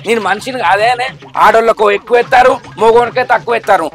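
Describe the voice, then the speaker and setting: A man's voice: very high-pitched, quick pace, a bit bright. A man, grumbling and scolding in a village comedy sketch. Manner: grumbling, scolding, repeats his complaints. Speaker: comic actor.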